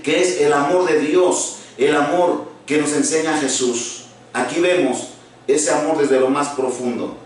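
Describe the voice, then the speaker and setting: Pastor preaching in a very echoey room. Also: male voice, fairly high pitch, recorded from a distance. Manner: halting, earnest, many restarts and fillers. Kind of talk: sermon.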